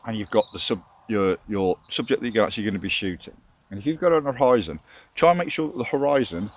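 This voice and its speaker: A British man in his forties giving casual photography tips in a vlog, recorded outdoors. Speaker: photography vlogger. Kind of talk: casual instructional vlog talk. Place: outdoors in countryside. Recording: outdoor noise, vehicle rumble. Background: rumbling tractor and outdoor ambience.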